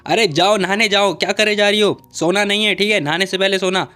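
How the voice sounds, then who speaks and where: A man voicing a bossy teenage younger sister who nags and shouts at her older sibling. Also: high-pitched, fairly even intonation, a little fast, soft background music, voice pushed up. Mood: scolding. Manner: shouting, nagging.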